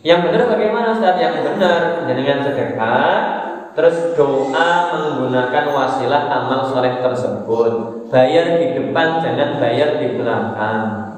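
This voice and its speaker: A man with a Javanese accent preaching a lively mosque sermon. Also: medium pitch, measured pace. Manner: lively, switches into Javanese and Arabic quotes. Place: mosque hall. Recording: echoey hall, far from mic.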